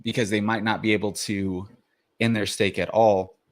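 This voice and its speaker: A man's voice: lowish voice, level tone, moderate pace. A man hosting a crypto explainer, talking casually with many fillers and restarts, a little out of breath after the gym. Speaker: crypto video host.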